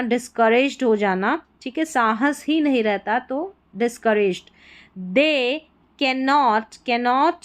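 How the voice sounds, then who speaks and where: A woman gives a patient English reading lesson. She speaks slowly and deliberately in a fairly high voice, spelling out each word letter by letter before saying it whole and explaining what it means. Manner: spells words letter by letter, then explains pronunciation and meaning.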